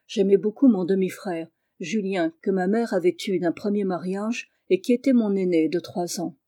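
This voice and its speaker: A reader voicing a timid, gentle young man who speaks earnestly and gravely, in an audiobook reading. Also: medium pitch, normal speed, no echo, clean studio sound, natural voice. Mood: confessional.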